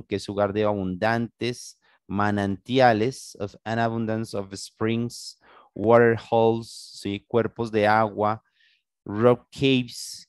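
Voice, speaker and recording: A Colombian man teaches an English lesson over a video call, patiently guiding his students and checking in with them again and again. His voice sits at a middling pitch. The sound is close and dry, with no room around it. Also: no room sound. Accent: Colombian Spanish. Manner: patient, guiding, asks "¿sí?" often. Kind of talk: online class, bilingual instruction. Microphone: computer mic on video call.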